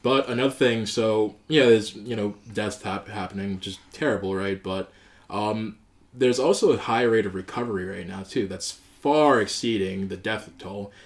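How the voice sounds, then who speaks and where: An American man with a fairly low voice talks as a podcast co-host. He is conversational and informal, often agreeing and putting questions to the others. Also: moderate pace. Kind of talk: casual group discussion.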